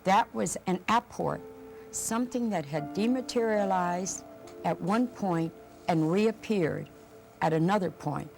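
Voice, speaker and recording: A woman's voice: on the low side, unhurried, gravelly, darkish tone, soft background music. A woman being interviewed as a paranormal investigator, earnestly telling events and repeating words as she goes. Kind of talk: interview storytelling.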